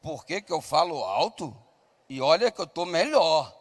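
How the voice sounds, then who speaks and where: A male pastor preaching a sermon with comic stories, loud and at times shouting, acting out the voices of people in his stories. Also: fairly high pitch, very animated, moderate pace, big-room sound.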